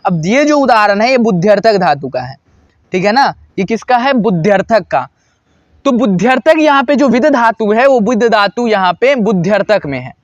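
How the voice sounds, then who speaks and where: A man teaching a Sanskrit grammar lesson, who asks questions and answers them himself and repeats each example slowly. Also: high voice, animated, no room sound, dull audio.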